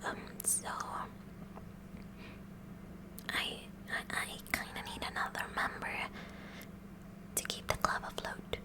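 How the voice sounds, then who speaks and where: In a breathy, whispered ASMR roleplay, a woman with a natural voice plays a kooky, eager teenage president of a science club. She sounds sheepish, speaking slowly and deliberately in a mock-official tone broken up by awkward stammers.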